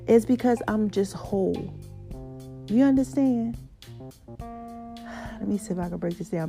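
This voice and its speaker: A woman podcast host giving a casual, excited motivational monologue, with a slight lisp and mouthful-sounding speech from stitches after mouth surgery. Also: mid-range voice. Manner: excited, folksy, repeats phrases for emphasis.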